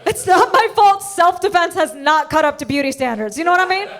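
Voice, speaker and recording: A young adult woman performing a stand-up comedy set on stage, telling brash stories fast with punchy punchlines. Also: extremely high pitch, animated, background noise. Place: stage before a live audience.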